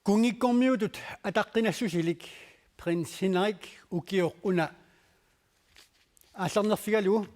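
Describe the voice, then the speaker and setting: A man reading the news as anchor in a steady, formal delivery. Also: high-pitched, unhurried, long pauses.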